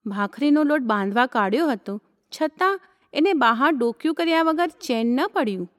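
A woman reads a story aloud in a calm, even manner. Her voice sits high. The recording has a long hall reverb around it. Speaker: narrator. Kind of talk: storybook reading.

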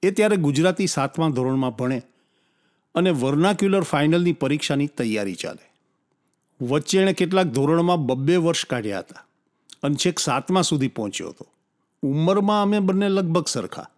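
Male storyteller, calm and descriptive, slightly high pitch. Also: moderate pace. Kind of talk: scripted story narration.

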